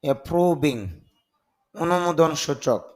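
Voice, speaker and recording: A man with a Bengali accent teaching vocabulary, slowly drilling each word and its meaning with careful repetition. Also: a little high, a little mellow. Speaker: English teacher. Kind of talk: vocabulary lesson.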